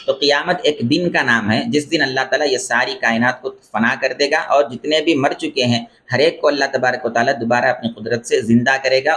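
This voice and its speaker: Male scholar, religious lecture, measured explaining voice, middle pitch, repeats key phrases. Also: a bit bright. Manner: explains terms and corrects pronunciation. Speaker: Islamic scholar teaching beliefs.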